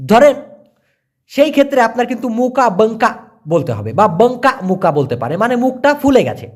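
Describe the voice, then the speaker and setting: A man from Bangladesh gives a casual vocabulary lesson in a high, lively voice that climbs and dips a lot. He is chatty and folksy, leaning on everyday examples and rhetorical questions. He spells out phrases slowly, repeating them at half speed. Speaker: language teacher. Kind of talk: casual lesson explaining words.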